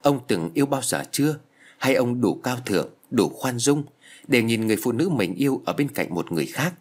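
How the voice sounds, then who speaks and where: Defiant young male ghost, possessive and mocking, voiced by a male narrator, husky tone. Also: medium pitch, animated, fairly quick, lightly acted.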